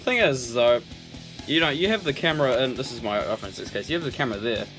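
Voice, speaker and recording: Young male vlogger, excitable, foul-mouthed, wildly swinging pitch; music underneath. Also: fast. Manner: excitable, loud bursts and heavy swearing. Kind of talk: casual unboxing vlog.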